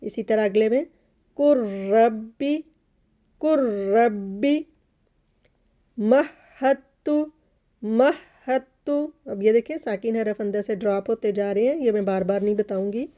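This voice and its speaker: A woman teaching recitation rules patiently, repeating each point and chanting the Arabic words in long, drawn-out tones. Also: medium pitch, warm tone. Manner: patient, repeats each word slowly and often says "theek hai". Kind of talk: step-by-step tajweed lesson.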